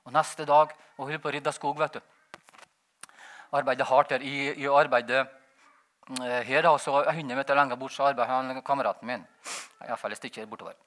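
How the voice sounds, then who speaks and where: A man giving a rambling, animated personal testimony, laughing as he tells it. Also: mid-range voice. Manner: animated, rambling, frequent "vet du" tag; laughs while telling. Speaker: testimony speaker.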